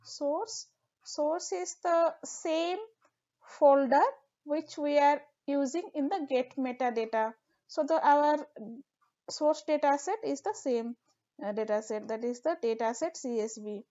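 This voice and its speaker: Speaking at a measured pace, a woman walks viewers through each step of a software tutorial captured on screen, with a filler here and there. Her voice is mellow and a little high. The lo-fi recording has a dull quality.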